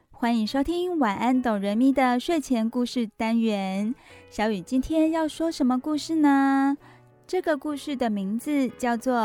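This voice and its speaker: A high-pitched woman with a Taiwanese accent hosts a children's bedtime story show, talking straight to young listeners with questions and soft sentence endings.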